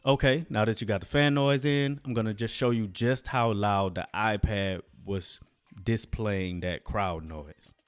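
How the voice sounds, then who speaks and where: Speaking low and unhurried over faint background music, a gadget-testing vlogger runs through a casual product trial. He keeps his language colloquial and addresses his viewers directly.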